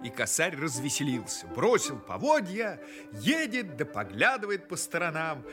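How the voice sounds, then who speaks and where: Highly animated male fairy-tale narrator. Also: normal speed, over music.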